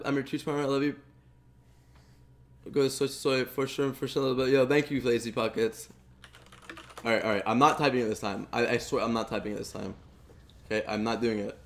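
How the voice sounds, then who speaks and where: A young man live-streaming a game, chatting casually with his viewers and stumbling over repeated words. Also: mid-range voice. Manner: stammers and repeats words, talks to chat while playing.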